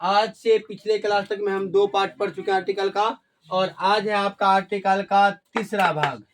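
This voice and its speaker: A male teacher with a high voice leads a classroom grammar lesson. He keeps asking the class questions and repeats each key word back to them. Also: steady tone, moderate pace, noisy background. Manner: call-and-response questioning, repeats key words.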